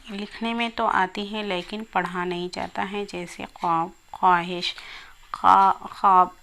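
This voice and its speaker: A woman's voice: medium pitch, sharp tone, slight background noise. A woman teaching a grammar lesson for exam preparation, explaining step by step and repeating example words.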